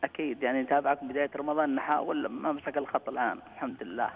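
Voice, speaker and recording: Male phone caller, casual, rapid speech, thin telephone sound. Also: medium pitch, fairly even intonation, vocal fry. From Aden, Yemen. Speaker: phone-in quiz contestant. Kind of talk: casual chat on a live call. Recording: narrow tinny phone line.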